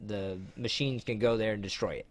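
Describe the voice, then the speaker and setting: A man co-hosting a casual movie podcast, recapping the plot in a halting way and laughing easily. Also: lowish voice, steady tone. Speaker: podcast co-host. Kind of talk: casual movie-review chat.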